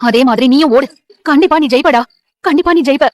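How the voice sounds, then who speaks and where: A woman's voice: high-pitched, fast, no echo, natural voice. An actress playing a loving mother who reassures and encourages her grown son in a TV serial. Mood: tender. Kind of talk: TV serial acting.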